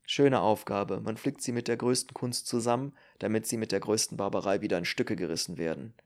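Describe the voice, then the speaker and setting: A man's voice: fairly low pitch, a little fast, natural voice. A man voicing a curt, growling, exhausted male doctor in an audiobook. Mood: gruff. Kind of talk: audiobook character reading.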